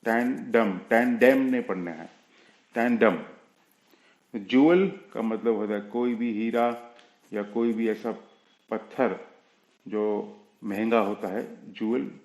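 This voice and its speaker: A man gives a language lesson at an unhurried, deliberate pace, spelling words out letter by letter. His voice sits at a middle pitch and carries a noticeable echo from the room around him. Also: a little mellow. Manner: slow, patient explaining, spelling words out letter by letter. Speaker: English teacher.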